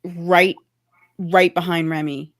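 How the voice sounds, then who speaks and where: A woman hosting a podcast, casually recounting a trip with pauses and fillers. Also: lowish voice, level tone. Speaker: podcast host. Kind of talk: casual chat.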